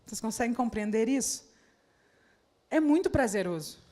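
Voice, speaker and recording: A woman's voice: on the high side, expressive, normal speed, dark tone. A woman preaching to church leaders at a conference, speaking straight to her listeners with many rhetorical questions. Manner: addresses the audience directly with rhetorical questions. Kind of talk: sermon.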